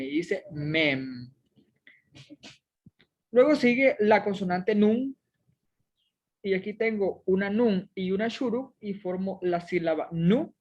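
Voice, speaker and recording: A woman's voice: medium pitch, dull audio. A woman teaching a Hebrew reading lesson, methodically sounding out each syllable step by step.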